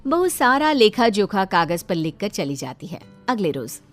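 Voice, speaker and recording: A woman's voice: mid-range voice, very animated, normal speed, faint music behind. A woman narrating a cartoon story with plain storytelling delivery.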